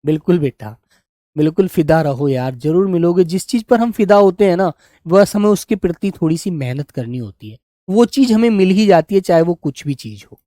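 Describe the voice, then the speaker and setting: A man teaching an online grammar class, speaking slowly and repeating his points as he coaxes his pupils along. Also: high voice, animated, dark tone, no room sound, studio quality. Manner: drawn-out, repetitive, coaxing tone toward pupils.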